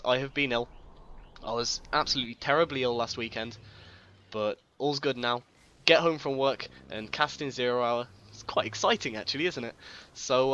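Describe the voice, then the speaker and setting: A man's voice: medium pitch, bright, forceful tone, highs cut off, slight background noise. A man casting a strategy game in a casual, chatty way, joking at his own expense and often tripping over his words. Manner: chatty, self-deprecating, stumbles over words. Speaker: game caster. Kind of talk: casual real-time strategy game commentary.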